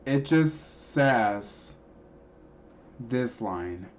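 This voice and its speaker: A man casually explaining a creepy cartoon clip, rambling with many pauses and restarts. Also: mid-range voice, expressive, highs cut off, slight background noise. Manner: hesitant, many ums and restarts. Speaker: video narrator explaining a clip.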